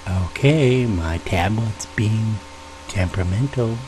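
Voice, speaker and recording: A soft-spoken, folksy man telling ghost stories in an unhurried ASMR style, sometimes dropping into a whisper. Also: lowish voice, noisy background. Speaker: storyteller, ASMR host.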